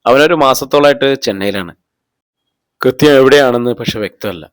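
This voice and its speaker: A man's voice: medium pitch, fairly quick, no room sound, lightly acted. A man reading the lines of a middle-aged mother under police questioning, defending herself and growing indignant. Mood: evasive. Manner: defensive, voice rising when accused.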